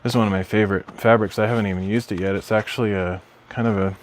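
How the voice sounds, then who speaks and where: Working away in his home craft room on a stream, a man talks casually and low-key, rambling and fixing his own slips as he goes. He keeps a steady tone at a quick pace, with a slight hiss or hum audible.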